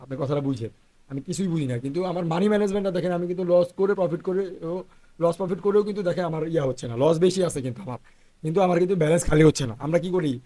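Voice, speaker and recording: A hoarse man who is feeling unwell, talking through live trades as an instructor and checking "okay?" after each point. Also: a little high, very fast, warm tone. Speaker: trading instructor. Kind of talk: live trading walkthrough.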